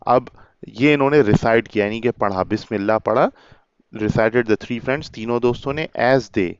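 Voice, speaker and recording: A man's voice: mid-range voice, clean tone, dry recording, highs cut off. A man teaching English by reading a children's story aloud and explaining each line in Urdu-Hindi to a child. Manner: reads English lines slowly, then explains word by word; addresses the listener as a child, calls them beta.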